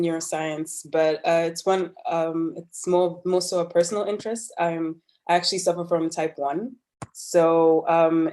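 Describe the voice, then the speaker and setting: A woman's voice: on the low side, a little mellow. A woman in her twenties, from Uganda and raised in Belgium, speaking hesitantly with many fillers as a panelist on a video call. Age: 20s. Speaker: panelist, master's student. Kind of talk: online panel talk.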